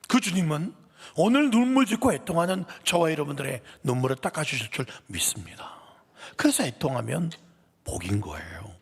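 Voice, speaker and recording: Gravelly, husky pastor preaching. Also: male voice, a little high, very animated, brisk. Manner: emotional, swinging from loud to whispered. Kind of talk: sermon. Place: church sanctuary. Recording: long reverb of a church hall.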